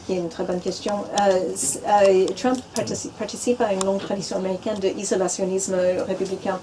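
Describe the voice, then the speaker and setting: A woman's voice: medium pitch, steady tone, a little fast, noisy background. A woman panelist explaining a point fluently in a discussion at a bookshop. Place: bookshop event room.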